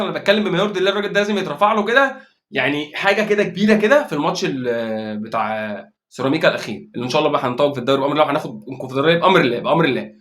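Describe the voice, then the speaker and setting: Fast-talking excitable Egyptian man. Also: on the high side. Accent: Egyptian Arabic. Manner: excitable, emphatic, repeats himself for emphasis. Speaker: football fan vlogger. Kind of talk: casual football commentary monologue.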